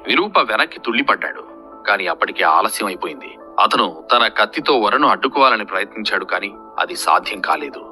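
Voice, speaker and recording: Male narrator, low voice, sharp forceful tone, steady dramatic storytelling, faint music behind. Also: brisk. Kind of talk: scripted narration of a fantasy serial.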